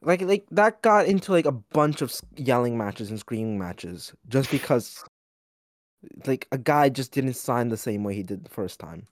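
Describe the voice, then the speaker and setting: A man's voice: medium pitch, lively intonation, moderate pace, no room sound. Rambling young male podcast host. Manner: rambling, heavy use of "like", swears freely. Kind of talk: casual podcast chat.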